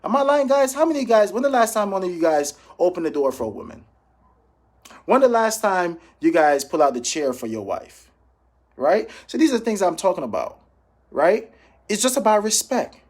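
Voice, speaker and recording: High-pitched and sing-song at a normal speed, this man from Jamaica coaches others on sales calls as a financial professional. His informal motivational training talk includes role-played phone examples, and he stays emphatic, repeating key phrases and checking in with listeners.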